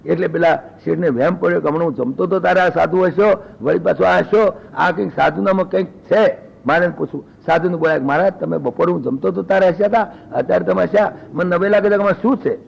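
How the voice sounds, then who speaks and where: A man's voice: high-pitched, fast, gravelly, muffled recording. An older man giving a spiritual discourse, telling a folk story and voicing its characters in homely dialogue. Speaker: spiritual speaker.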